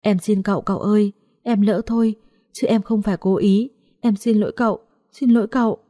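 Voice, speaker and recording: A woman's voice: medium pitch, moderate pace, warm tone, no room sound, studio quality, lightly acted. A woman voicing a timid young pregnant servant woman who sobs and pleads. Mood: tearful pleading. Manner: sobbing, pleading.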